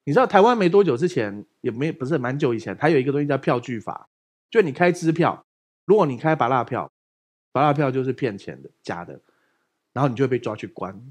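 A man's voice: medium pitch, fast talker, slightly rough. A man with a Taiwanese Mandarin accent preaching a casual, joking sermon as pastor, often asking the listeners questions. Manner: joking, animated, asks listeners rhetorical questions.

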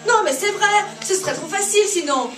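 Woman reading as an angry yelling father, crude threats, high strained voice, far off in a roomy café with viola under it. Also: expressive, brisk, music in the background. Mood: enraged. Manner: shouting, crude and vengeful. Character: furious middle-aged father ranting.

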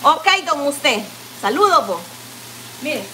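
A high-pitched woman with a Guatemalan Spanish accent talks viewers through her cooking in a home kitchen, chatty and affectionate, forever saying "look." The room is echoey, with a pan sizzling and frying noise behind her. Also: lively intonation, slow, bright, forceful tone. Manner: homey and chatty, constantly says "mire" and calls viewers "mamayita". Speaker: cooking vlogger.

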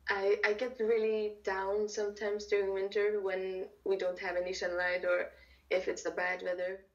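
A woman's voice: medium pitch, completely flat delivery, moderate pace, muffled recording. A teenage woman from Iceland, answering interview questions in a matter-of-fact way.

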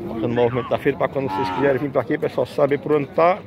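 Guy vlogging at a cattle market, crowd chatter and cattle clearly behind him. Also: medium pitch, fairly even intonation, rapid-fire, lo-fi sound. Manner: chatty, addresses viewers as pessoal, tags phrases with viu. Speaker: vlogger touring a cattle fair. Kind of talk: casual walking vlog to viewers. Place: outdoor cattle market pens. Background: crowd and cattle noise.

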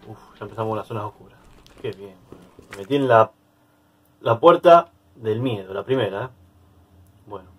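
A man's voice: on the low side, animated, normal speed, long pauses, husky, dull audio. A man with a Rioplatense Spanish accent giving casual let's-play commentary, chatty and easily startled, yelping and laughing at scares. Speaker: gaming YouTuber.

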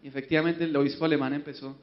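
High-voiced Colombian preacher, joking. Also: male voice, level tone, racing. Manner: joking, storytelling, asks audience. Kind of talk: humorous sermon. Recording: dull lo-fi, long hall reverb.

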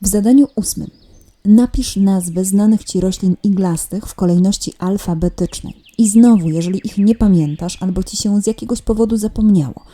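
A woman primary school teacher walking children through workbook exercises in a recorded remote lesson, patient and gently teasing. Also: medium pitch, normal speed. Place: at home.

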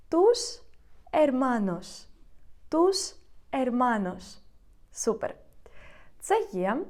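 A woman giving a grammar lesson, patiently repeating each example slowly. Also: high voice, a little mellow. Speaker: Spanish teacher.

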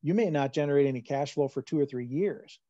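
A Midwestern man fields questions on a video call, his voice mellow and dark and the sound dry and close. The audio is dull and lo-fi, like a computer microphone. He talks in a loose conversational way, full of fillers and restarts. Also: a little high, brisk, no echo. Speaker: farm finance presenter. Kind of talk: answering audience questions in a webinar. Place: home room on a video call.

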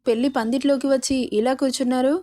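A woman's voice: high-pitched, flat delivery, fast talker, mellow, close to an everyday voice. A woman voicing a puzzled young groom in a storybook reading, pressing others with questions. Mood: questioning.

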